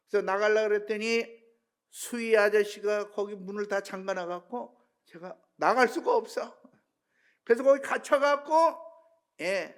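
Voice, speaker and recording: An older man, a pastor, preaching a sermon with a personal testimony, telling it with feeling and moving between hushed tones and shouts. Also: high voice. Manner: emotional storytelling, swinging between hushed and shouting.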